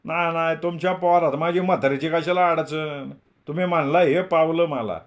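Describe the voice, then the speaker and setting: A man reading a novel aloud, voicing an older male landlord with a raised, loud, chatty rustic manner. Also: on the high side, steady tone, normal speed, voice pushed up, close to an everyday voice. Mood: fussy, genial. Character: older male village landlord, fussy, talkative.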